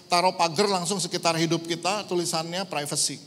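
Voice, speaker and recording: A man's voice: brisk, slight background noise. A middle-aged man from Indonesia preaching a sermon as a pastor, telling a story and dropping English phrases into his talk. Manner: storytelling, lively swings in pitch and loudness, mixing in English phrases. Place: church hall. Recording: church hall with long reverb.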